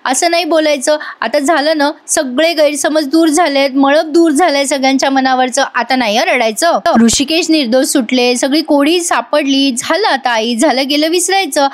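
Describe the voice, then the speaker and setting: A woman's voice: high voice, moderate pace, few pauses, close to an everyday voice. A woman voicing an earnest, wronged young daughter-in-law, in a plain retelling. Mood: soothing. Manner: pleading then soothing.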